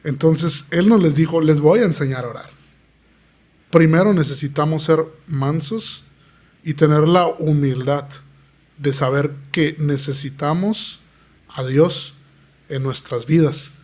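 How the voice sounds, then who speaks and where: This pastor's testimony comes across in an unhurried, slightly mellow voice pitched fairly high. Speaking on a podcast interview, he keeps an earnest, preacher-like tone and performs the quoted voices himself.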